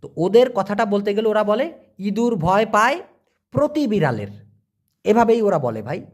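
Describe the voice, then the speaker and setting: A man's voice: high voice, sing-song. A man from Bangladesh teaching a language lesson in a casual, colloquial way, repeating each word and drilling phrases for his viewers. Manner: explains slowly, repeats words and drills phrases; colloquial, addresses viewers directly.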